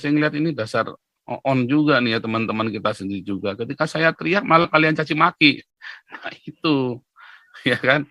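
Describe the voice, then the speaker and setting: A man giving an animated, lecturing monologue to his viewers, often pushing his voice up toward a near-shout. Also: medium pitch, no echo. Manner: rhetorical tag questions. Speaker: YouTube commentator. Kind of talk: casual monologue.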